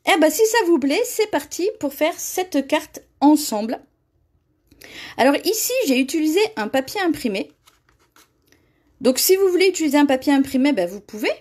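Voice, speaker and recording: A woman with a high voice leads a live card-making tutorial. She talks in a chatty, easygoing way and laughs often. She breaks off to read viewers' comments aloud. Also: animated, moderate pace, a little mellow. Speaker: crafting demonstrator.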